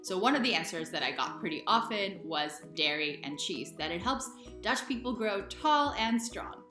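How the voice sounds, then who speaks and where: A young American woman in her twenties or thirties, an expat vlogger presenting a video, explains things in a casual, conversational, emphatic way. Her medium-pitched voice is expressive and sharp in tone at a moderate pace, with faint music behind and a roomy, echoing recording.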